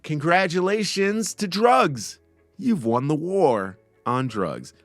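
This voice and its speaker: A man's voice: on the high side, big pitch swings, takes it slowly, fairly bright tone, no echo, faint music behind. A man hosting a podcast, delivering sarcastic commentary with a mocking, snarky manner. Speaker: podcast host.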